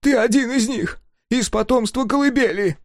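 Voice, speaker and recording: Shrill manic little engineer. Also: male voice, moderate pace, no room sound, clean studio sound. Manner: frantic, shrill, pleading.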